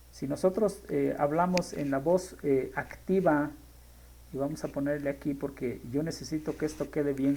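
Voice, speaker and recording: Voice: medium pitch, vocal fry, a little mellow, rough recording. A teacher explaining grammar in a lesson, thinking aloud and stopping often to correct themselves. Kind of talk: screen-share grammar lesson.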